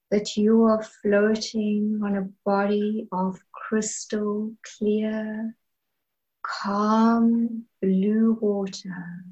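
A woman leading a guided meditation in a soft, soothing, breathy manner, leaving long pauses between phrases. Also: mid-range voice, muffled recording. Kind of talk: slow guided meditation narration.

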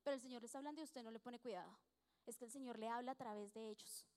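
A woman with a high voice gives an earnest church talk mixed with personal testimony. She speaks in a chatty, heartfelt way. Her voice carries with a long echo, as in a church hall. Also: racing, a little mellow, smooth. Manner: earnest, chatty, acts out dialogue with frequent small laughs.

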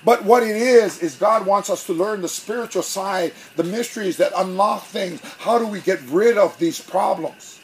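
A male pastor preaches with lively, theatrical energy, slipping into little acted-out scenes. His voice sits high for a man, and a faint hum of noise sits under the recording. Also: moderate pace, hardly any pauses, poor audio. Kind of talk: sermon.

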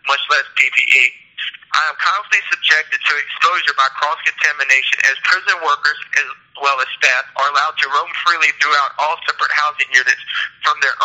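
A man's voice: on the high side, sharp tone. A man calling from prison on a prison phone line, talking earnestly and reading out an essay he wrote. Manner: earnest, reads out his own written essay. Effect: speaking over a prison phone line. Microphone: prison telephone.

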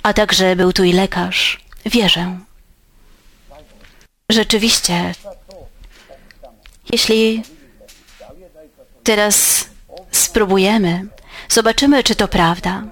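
A woman preaches to her congregation in a steady, earnest manner. She keeps a measured pace and lifts her voice to stress key words. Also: mid-range voice. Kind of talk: sermon.

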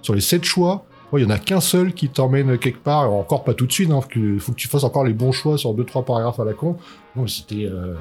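A man's voice: mid-range voice, animated, brisk, darkish tone, soft background music. A man in a casual podcast chat, rambling and exasperated, with many restarts and swearing.

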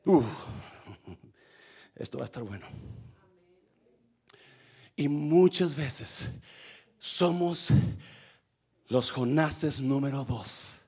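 A male pastor preaching a sermon to his congregation. He swings from shouted peaks to low, quiet asides, calls out to the people and drops English phrases into his preaching. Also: very slow, pauses often, slightly rough. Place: church service.

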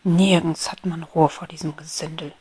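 A woman's voice: deep voice, moderate pace, breathy edge, heavily acted. A woman voicing a prim, grumpy but polite male rose beetle in a whispered storybook role-play, formal in tone. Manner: formal, indignant scolding.

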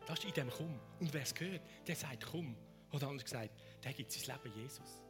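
A man preaching a sermon, moving between fervent raised appeals and hushed whispered prayers. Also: medium pitch, a little fast, music in the background. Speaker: pastor.

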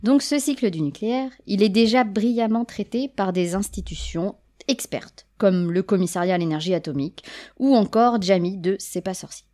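A woman's voice: mid-range voice, normal speed, dark tone. A woman presenting a humorous popular science talk, with playful jokey asides to the audience.

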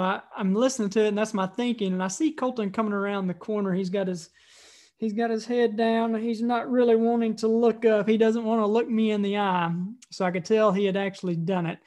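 A man with a fairly high voice preaches a sermon. He tells a family story with animation and voices each person he quotes. He then moves into reading scripture aloud. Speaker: pastor.

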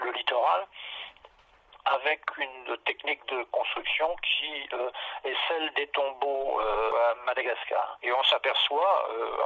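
A man explaining his research in an unscripted interview, haltingly, often searching for words and rephrasing as he goes. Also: mid-range voice, husky, narrow, tinny audio.

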